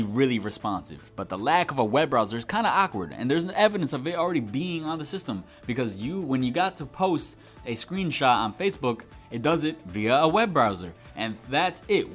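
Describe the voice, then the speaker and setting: A man's voice: medium pitch, a bit bright. A young man giving a scripted but conversational video game review as its host.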